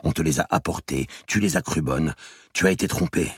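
Man doing a weary medieval king in a storybook reading, very deep husky voice, measured and grave. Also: no echo, studio quality. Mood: pleading. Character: weary earnest medieval king pleading with kin.

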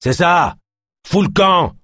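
A man voicing a gaunt, hostile male fugitive who snarls and shouts threats. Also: high voice, slow pace, no echo, studio quality, pitched above the performer's own voice. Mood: snarling.

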